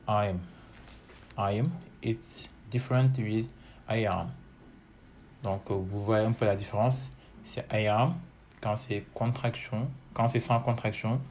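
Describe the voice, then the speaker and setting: With a faint hiss beneath the recording, a man whose first language is French gives a bilingual online English grammar lesson, moving between French and English. His slightly low, slightly mellow voice proceeds very slowly and hesitantly, full of fillers, as he repeats every form several times.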